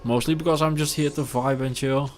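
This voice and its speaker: He speaks a little fast in a mid-range voice, a thirty-something Dutch-accented man from the Netherlands. While gaming on a live stream with the game's music playing under his voice, he chats easily and answers viewers between moves.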